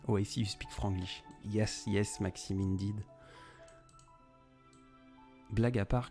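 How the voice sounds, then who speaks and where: This young live-stream host, a poet, answers viewers by name in a loose, improvised ramble. His voice sits low and is warm, with some vocal fry.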